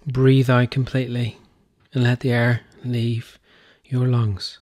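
Speaking at a slow pace, this mid-pitched man guides a meditation with gentle, flat instructions. He uses brief phrases and leaves gaps between them.

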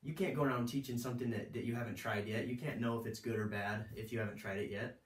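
A man voicing a group of rowdy, teasing young Italian men who fire off loud, disbelieving questions. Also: mid-range voice, steady tone, fast, close to an everyday voice. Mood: incredulous. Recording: roomy, mic at a distance.

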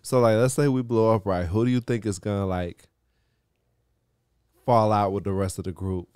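A man's voice: on the low side, steady tone, normal speed, a little mellow, clean tone, no echo, studio quality. A man co-hosting a podcast, rambling with lots of fillers and swearing in casual chat. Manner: rambling, full of fillers, profane. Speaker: podcast co-host.

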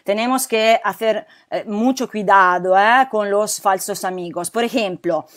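A woman teaching a live online class, explaining slowly and carefully with many pauses and fillers. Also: mid-range voice, fairly bright tone. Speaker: Spanish teacher. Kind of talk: live online language lesson.

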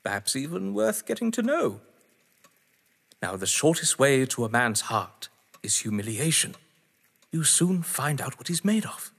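Playing a sardonic, theatrical husband facing questions in an audio drama, a man sounds smug, witty and haughty, and talks at length. His medium-pitched voice is sing-song, a bit bright and exaggerated, unhurried with vocal fry, in echoey reverb.

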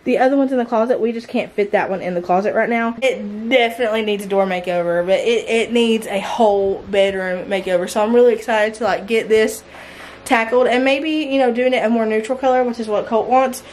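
Woman, thirties, chatty, rambling, somewhat high voice, faint room noise, handheld camera. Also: brisk, a little mellow. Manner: chatty, rambling with fillers and restarts. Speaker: vlogger, stay-at-home mom. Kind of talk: casual clean-with-me tour. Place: child's small red bedroom in a mobile home. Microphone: handheld camera at arm's length.

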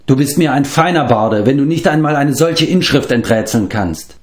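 A man reading aloud and voicing a spirited, proud young girl with a sharp tongue. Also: mid-range voice, expressive, voice pushed up, lightly acted. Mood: indignant. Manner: indignant, quick, sharp-tongued. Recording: roomy echo.

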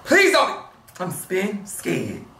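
A young man hosting a movie reaction video, loud and dramatic, swearing and shrieking at the screen. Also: high-pitched, huge pitch swings, drawn-out words, reverberant, far from the mic.

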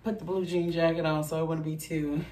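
A young woman talking earnestly in a casual get-ready-with-me vlog, with many pauses and fillers. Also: low-pitched, flat delivery, warm tone. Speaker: vlogger.

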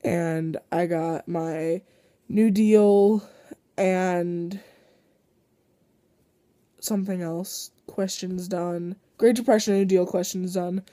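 A teenage girl vlogging her day while sick and congested, rambling with lots of pauses and fillers. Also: lowish voice, fairly even intonation, mellow, dry recording. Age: teens. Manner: rambling, many ums. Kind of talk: casual daily vlog.

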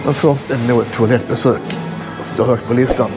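A man's voice: medium pitch, steady tone, music in the background. Chatty middle-aged man filming his road trip. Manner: chatty, enthusiastic tour-guide commentary. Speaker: travel vlogger. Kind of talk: casual travel vlog narration. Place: outdoors and in a roadside rest stop, walking. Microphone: action camera held at arm's length.

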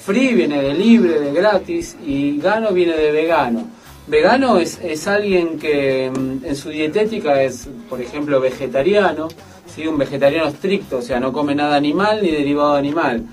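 A man, a guest on a radio show, explaining his work at a measured pace while he thinks aloud. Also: on the high side, expressive, recorded from a distance, soft background music. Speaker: interview guest. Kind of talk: radio interview. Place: radio studio.

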